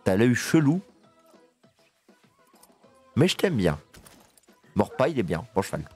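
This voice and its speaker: A man giving casual gameplay commentary, excitable and swearing, chatting to his horse as he plays. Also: medium pitch, takes it slowly, soft background music. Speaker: gaming video creator.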